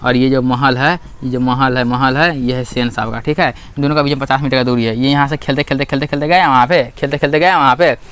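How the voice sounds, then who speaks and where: A man's voice: mid-range voice, fairly even intonation, fast, hardly any pauses, fairly bright tone, smooth. A man explaining a school literature chapter as a teacher, asking and answering his own questions over and over.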